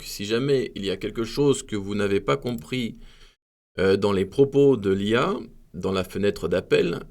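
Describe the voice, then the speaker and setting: A man presenting a software demonstration to viewers, talking hesitantly with many fillers and self-corrections. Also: fairly low pitch, vocal fry. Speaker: tech video host. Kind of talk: screen-recorded software demo.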